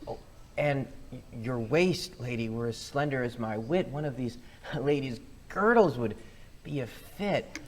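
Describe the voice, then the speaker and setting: Guy doing a simple cheeky country clown in shakespeare play, medium pitch, eager and cheerful. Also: measured pace, close to an everyday voice. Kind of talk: comic Shakespearean stage acting.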